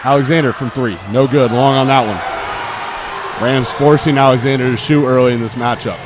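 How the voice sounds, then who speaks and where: Doing live play-by-play for a basketball game, a teenage or young adult student speaks in short bursts that follow every move, mid-range in pitch with fairly even intonation at a moderate pace. Gym ambience and bouncing basketballs fill the noisy background.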